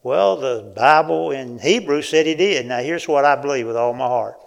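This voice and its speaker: A man preaching a sermon in a folksy, animated way, often asking the congregation questions. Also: mid-range voice, normal speed, vocal fry.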